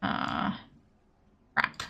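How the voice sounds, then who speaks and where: A woman's voice: very slow, sharp tone, dull audio. An Australian woman streaming a game, chatting casually with her viewers and muttering asides to herself as she plays. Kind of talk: casual livestream chat while gaming.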